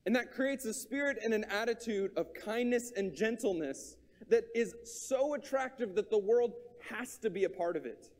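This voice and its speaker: A man's voice: high voice, lively intonation, normal speed, hardly any pauses, a little mellow, in a large hall. A man preaching a sermon, earnest and repetitive, thinking aloud with small restarts.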